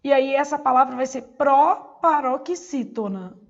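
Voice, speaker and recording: A woman's voice: high-pitched, lively intonation, measured pace, gravelly, muffled recording. A Brazilian woman teaching a Portuguese exam-prep lesson, asking questions and answering them herself. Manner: didactic, asks and answers her own questions.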